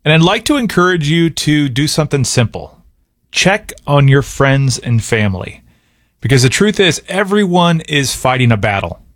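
A man's voice: on the high side, very animated, moderate pace, no echo, clean studio sound. A man speaking as a radio DJ, delivering a scripted inspirational message in an encouraging way.

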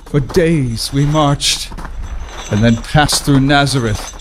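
A man's voice: mid-range voice, slight background noise, close to an everyday voice. An actor playing an embittered galley slave, narrating his suffering solemnly in a scripted historical drama. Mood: solemn, haunted. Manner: solemn, measured.

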